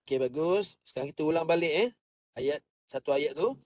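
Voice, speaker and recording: A man teaching Quran recitation. He explains each point calmly and sings the verses in a drawn-out chant for students to copy. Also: on the high side, no room sound. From Malaysia. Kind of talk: slow patient recitation lesson. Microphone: online class microphone.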